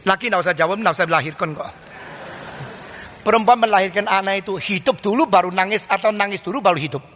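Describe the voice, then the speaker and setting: A man's voice: high-pitched, quick pace, fairly bright tone, a little hiss or hum. An older man preaching a sermon as a pastor, emphatic and full of rhetorical questions. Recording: long reverb of a large hall.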